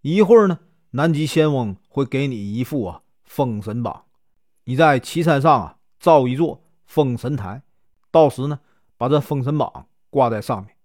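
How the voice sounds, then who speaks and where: A man voicing a supreme old male Taoist master who gives calm, measured instructions in a storybook telling. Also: medium pitch, no echo, clean studio sound, lightly acted. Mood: instructing.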